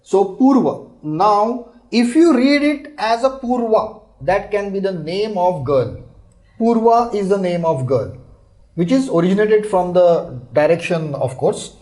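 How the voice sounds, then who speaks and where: A man's voice: high voice, expressive, a little slow, a little mellow, rough recording. A man teaching a Hindi lesson, explaining patiently and repeating words syllable by syllable. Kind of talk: language lesson.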